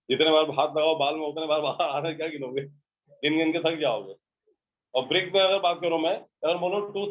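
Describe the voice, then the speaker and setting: A male teacher with an Indian English accent gives a grammar lecture in a slightly high voice, going over each point again and again and checking that the class understands. The recording is thin and narrow, like it came through a phone line. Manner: repetitive, explanatory, checks understanding.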